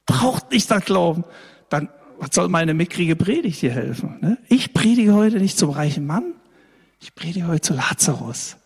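A man delivers a sermon in a casual, conversational way, often turning to the congregation to check they are following. His voice sits fairly high and has a husky edge. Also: moderate pace, long reverb tail. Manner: lively, conversational preaching, addresses the congregation directly with frequent "ne?". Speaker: pastor. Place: church hall.

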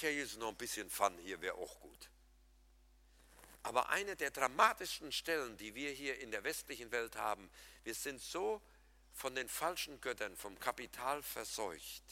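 Male preacher with a bright, forceful voice, lively and humorous with his congregation, swinging loud to soft, recorded in a hall with a long reverb. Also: fairly high pitch. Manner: swings between loud emphatic and soft quiet passages. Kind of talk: sermon.

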